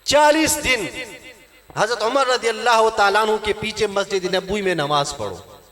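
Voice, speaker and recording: A man's voice: high voice, animated, moderate pace, pushed and bright. A man with a Pakistani Urdu accent voicing a clever young woman who sets a condition, quoted in his sermon. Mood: firm.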